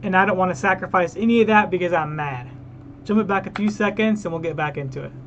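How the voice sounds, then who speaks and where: A man's voice: sits high, fast talker, fairly bright tone, dull audio, slight background noise. A man hosting a reaction video, ranting heatedly and talking straight to his viewers. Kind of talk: casual reaction commentary.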